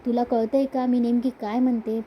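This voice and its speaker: A woman voicing a dutiful young wife and elder sister who pleads softly and earnestly. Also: on the high side, level tone, normal speed, muffled recording, a little hiss or hum, close to an everyday voice. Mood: earnest, worried.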